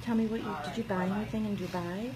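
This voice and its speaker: A woman at a hospital bedside, talking in a hushed, amused way and shushing someone. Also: medium pitch, fairly even intonation, quick pace. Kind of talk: casual home video. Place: hospital room. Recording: heavy background noise and clicks.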